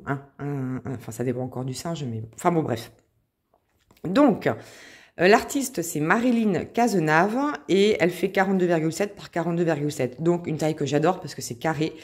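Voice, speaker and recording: A woman vlogger chatting casually while unboxing craft kits, excitable and full of hesitations. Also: low voice, moderate pace. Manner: chatty, filler-heavy, excitable.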